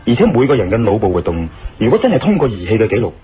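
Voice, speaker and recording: In a Cantonese audio drama, an actor with a Hong Kong accent plays a thoughtful, curious male investigator. His lowish voice comes rapid-fire, and his delivery is expressive and earnest. The radio drama sounds slightly muffled, with music underneath.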